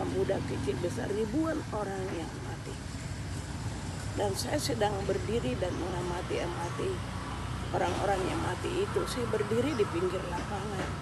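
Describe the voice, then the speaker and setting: A woman recounts a religious testimony with a gravelly, fry-laced voice at a middling pitch. Her telling is earnest and grows loud and tearful. The recording carries a clear layer of background noise. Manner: earnest storytelling that swells to loud, tearful intensity. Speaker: believer giving a testimony.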